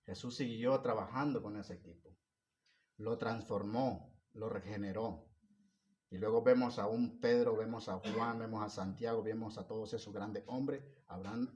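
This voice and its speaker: A man preaching a sermon, moving between loud emphatic stretches and soft hushed ones, asking the congregation repeated questions. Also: lowish voice, lo-fi sound.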